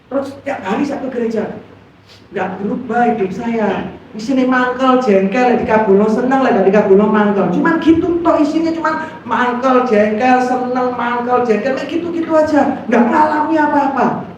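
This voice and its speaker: Woman preacher from East Java, fairly high voice, heard from far off in a booming hall. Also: moderate pace, slight background noise. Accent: East Javanese. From Pasuruan, East Java. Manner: lively, acts out quoted complaints, asks the congregation questions. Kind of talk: sermon. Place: church hall. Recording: echoey hall from far off, dull sound.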